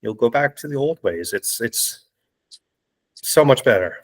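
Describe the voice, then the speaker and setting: A man's voice: medium pitch, measured pace, low-quality recording. A man co-hosting a podcast, chatting casually and acting out small everyday exchanges as he tells his stories. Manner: animated storyteller who acts out little exchanges. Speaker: podcast co-host. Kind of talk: casual chat.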